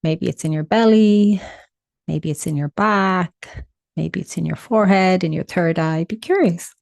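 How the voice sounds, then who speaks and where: This meditation guide is a woman whose mellow, soft-edged voice sits a bit low and has a gravelly texture. She leaves intentional pauses between her calm, simple directions, recorded close and dry with no echo.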